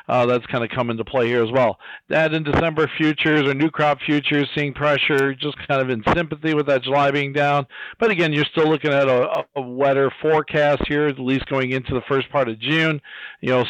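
A man's voice: mid-range voice, no room sound. A man calls in over the phone to give a grain market rundown. The line is dull and lo-fi, with no room sound at all. He talks casually and plainly, now and then restarting a phrase. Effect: heard over the phone. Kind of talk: market commentary on a radio farm report.

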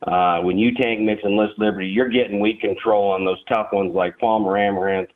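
A man's voice: on the low side, fairly even intonation, a little fast. A man, an agronomy field specialist, heard over the phone in a farm radio interview, explaining things practically with brief restarts. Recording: tinny phone line.

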